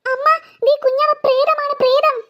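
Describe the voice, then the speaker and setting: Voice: extremely high pitch, flat delivery, normal speed, muffled recording. A performer doing a panicky young cartoon girl. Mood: pleading. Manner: panicked, pleading, stammering. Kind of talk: cartoon voice acting.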